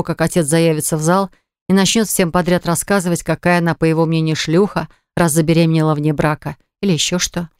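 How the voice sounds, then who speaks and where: A woman reading an audiobook in measured scripted narration on a close studio mic. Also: lowish voice, darkish tone, clean tone, dry recording.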